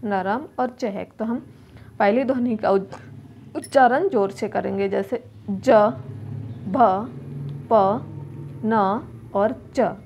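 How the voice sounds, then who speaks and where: A woman's voice: on the high side, highs cut off, slight background noise. A woman teacher, patiently walking young children through a workbook and sounding out each letter aloud. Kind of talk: primary school lesson walkthrough.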